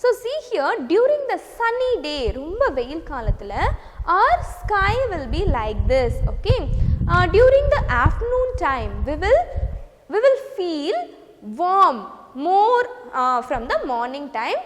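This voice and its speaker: A woman with a South Indian Tamil accent speaks in a very high voice that swings widely in pitch, as if leading a kindergarten class. She stretches words in a sing-song way and keeps checking in with questions. The recording rings with long reverb. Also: big pitch swings, a little fast. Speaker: kindergarten teacher. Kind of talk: lesson for young children, code-switching. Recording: long hollow reverberant echo.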